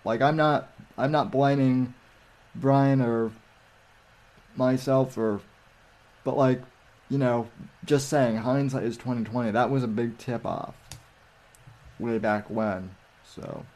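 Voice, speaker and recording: Slow, rambling man chatting. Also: medium pitch, fairly even intonation, a little mellow. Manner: rambling, halting storytelling with many restarts. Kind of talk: casual chat.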